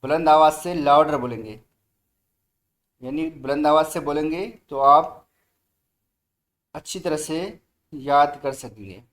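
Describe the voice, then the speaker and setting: A man leads a recorded Quran reading lesson. He sounds out each letter slowly and deliberately in a fairly high voice, with quicker asides telling the learner to speak up. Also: fairly even intonation, fairly bright tone. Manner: slow drawn-out letter drills, brisk asides to the student; urges the learner to read aloud.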